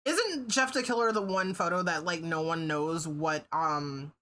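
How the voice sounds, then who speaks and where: A woman's voice: low-pitched, unhurried, bright, forceful tone. A woman livestreamer chatting casually with her viewers, swearing freely and laughing often. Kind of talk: casual stream chat.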